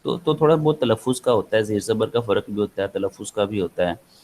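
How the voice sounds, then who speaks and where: A man's voice: on the low side, animated, a little mellow, a little hiss or hum, low-quality recording. A man with a Pakistani accent giving an online lecture, rambling with many fillers and slipping into English. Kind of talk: online lecture, casual explaining.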